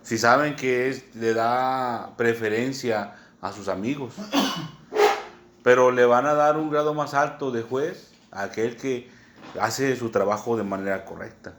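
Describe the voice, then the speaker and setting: Mexican male preacher, mid pitch, patient teaching sermon, faint noise under the voice. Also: a bit bright. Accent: Mexican Spanish. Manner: unhurried teaching tone, many "¿verdad?" asides, spells words out.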